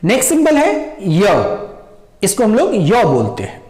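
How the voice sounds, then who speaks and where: A woman teaching English pronunciation sounds in a slow lesson, drawing out each sound she demonstrates. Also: medium pitch, wildly swooping pitch, dark tone, reverberant.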